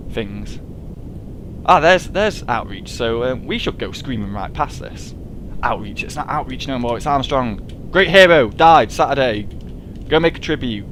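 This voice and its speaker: Sniffly with a cold, a man with a mid-range, slightly bright voice plays a space game at his computer and talks it through in casual let's-play commentary. He rambles chattily and swears freely, with slight background noise.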